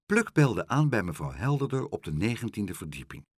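A man narrating a children's storybook, expressive and animated, close to the mic. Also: on the low side, moderate pace, breathy edge, no room sound.

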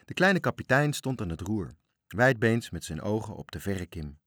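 A man with a fairly low voice reads a children's story with lively storytelling. The sound is dry, with no room echo. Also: moderate pace. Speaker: narrator.

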